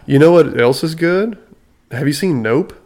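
A man's voice: fairly high pitch, lively intonation, normal speed, a little mellow. A man co-hosting a podcast, joking crudely and swearing often in casual talk with friends. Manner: crude, swears a lot, playful. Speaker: podcast co-host. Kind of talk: casual chat among friends.

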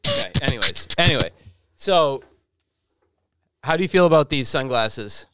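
A man co-hosting a trade podcast, chatting casually and teasing his co-host in quick back-and-forth banter. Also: medium pitch, sing-song.

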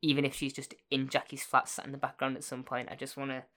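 A woman with a low-pitched yet cartoonish voice co-hosts a casual fan podcast. She is excitable and jokey, prone to gushing. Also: fast. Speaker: podcast co-host. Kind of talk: casual chat about a TV series.

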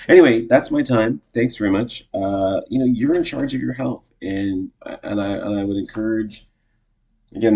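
A vlogger in his fifties talks casually to camera, rambling and often correcting himself in an upbeat way. His voice sits low, with a dark, slightly rough tone.

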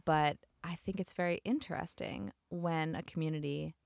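A woman hosts a podcast interview in easy, conversational speech. Her voice sits on the low side for a woman and is heard dry and close to the mic. She tosses in playful asides and thinks aloud. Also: fairly even intonation, normal speed, vocal fry, no echo. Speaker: podcast host. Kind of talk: casual interview chat.

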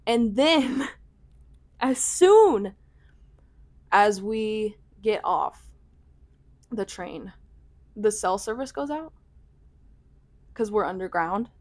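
A woman's voice: medium pitch, lively intonation, very slow, long pauses, darkish tone, no echo. Chatty young American woman, dry sound. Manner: chatty, filler-heavy with frequent "like", laughing asides. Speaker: vlogger. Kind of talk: casual storytelling.

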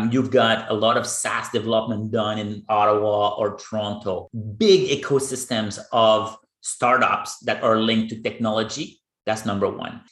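A man's voice: on the low side, fairly bright tone. Man hosting a podcast, echoey room. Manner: earnest, explaining in plain terms. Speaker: podcast host. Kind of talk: podcast interview.

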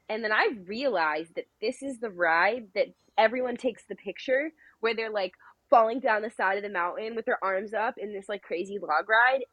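A woman's voice: medium pitch, dry recording, muffled recording. Brief: young woman, casual chatty storyteller, lots of fillers, dry close sound. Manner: rambling, filler-heavy, laughs between phrases.

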